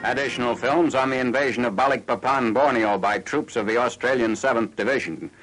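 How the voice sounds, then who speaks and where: A man's voice: medium pitch, a little fast, over loud music, poor audio. A man reads scripted military newsreel narration in a formal, matter-of-fact 1940s style, on an old film soundtrack.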